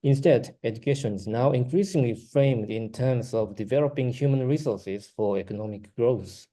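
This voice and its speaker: Reading carefully and pausing briefly, this man delivers a prepared academic talk as a researcher. His voice has medium pitch and a dark tone. He is a native Japanese speaker with a Japanese accent.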